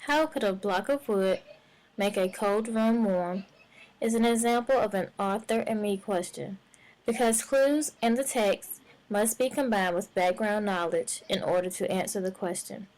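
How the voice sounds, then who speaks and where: A woman teacher narrates a reading lesson, explaining each step clearly and at a measured pace. Her voice sits at a medium pitch. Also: a little mellow, poor audio. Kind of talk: instructional narration.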